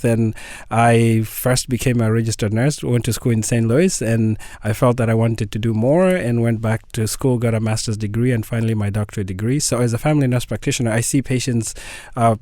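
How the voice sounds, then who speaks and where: A man speaks as a radio guest in a close, dry studio sound. His voice sits at a middle pitch, and he explains things in an earnest, patient way. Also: warm tone, no room sound. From Kenya. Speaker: guest, family nurse practitioner. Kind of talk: radio interview.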